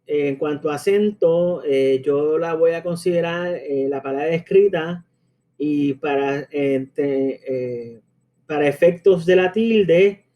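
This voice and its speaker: A man with a Caribbean Spanish accent explains a language lesson in a conversational way, often checking in with tag questions and pausing to hesitate. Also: a little high, highs cut off. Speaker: language teacher.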